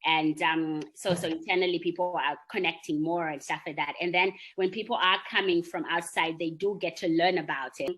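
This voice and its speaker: A young woman speaks in a slightly low voice. She answers interview questions earnestly and reflectively, often checking in with her listener. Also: fairly even intonation, fairly quick, hardly any pauses, a bit bright. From Zimbabwe. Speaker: marketer and employee network founder.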